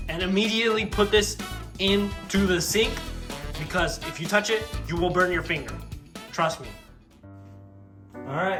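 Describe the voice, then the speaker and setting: Young guy rambling thru a cooking vlog, um's everywhere, guitar music going behind. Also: a little high. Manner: rambling, chatty, with many fillers. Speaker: vlogger. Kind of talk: casual cooking vlog talk.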